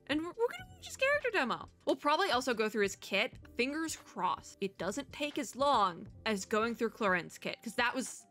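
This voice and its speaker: A female streamer reacts to a game trailer in a mid-range voice that's pushed and bright. She's casual and chatty, bubbly and rambling, with a self-deprecating streak.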